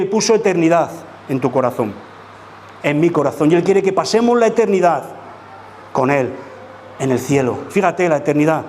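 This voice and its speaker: A man's voice: a little high, darkish tone, a little hiss or hum. A man from preaching a sermon as pastor, emphatic and full of rhetorical questions to the congregation. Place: church.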